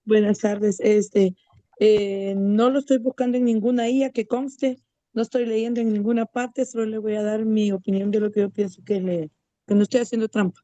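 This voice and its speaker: A woman's voice: medium pitch, fairly even intonation, normal speed, warm tone, no room sound, muffled recording. Woman, Salvadoran accent, video call answer, hesitant with fillers, dry recording. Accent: Salvadoran Spanish. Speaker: teacher of young children.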